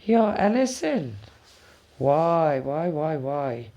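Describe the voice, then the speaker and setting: Her voice deep and dark, with big pitch swings and a very slow delivery, a South African cross-stitch host talks informally to live viewers over lo-fi sound. Afrikaans is her first language, and she gushes chattily, repeating words as she goes.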